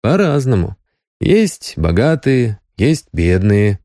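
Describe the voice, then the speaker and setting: A man giving voice to a grown man with a wry, understated humour, speaking in a mellow, warm tone with lively turns of pitch. It sounds close and dry, like an audiobook. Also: slow pace, dry recording, heavily acted. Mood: wry, tender.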